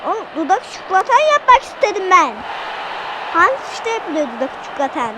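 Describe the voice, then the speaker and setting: A woman giving let's-play commentary in a very high, lively voice. She is excitable, shouts at the game and keeps talking straight to her viewers. Steady background noise runs under her voice. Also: a little fast. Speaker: gaming channel host.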